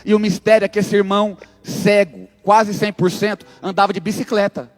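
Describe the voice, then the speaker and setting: Man, high voice, dramatic sermon testimony, long hall reverb. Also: fairly even intonation, moderate pace. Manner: dramatic storyteller, acts out dialogue, humorous asides. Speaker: preacher giving testimony.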